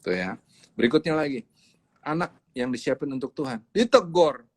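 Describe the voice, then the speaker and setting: This is a male pastor delivering a livestreamed sermon. He preaches emphatically and hammers home his points by repeating words. His voice is husky and sits in a middle pitch. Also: animated, normal speed.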